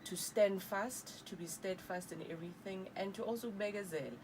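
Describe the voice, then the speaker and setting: At medium pitch and a moderate pace, a South African woman in her thirties speaks earnestly as a radio interview guest, changing languages mid-sentence. She is an author and evangelist, heard in a radio studio with background noise.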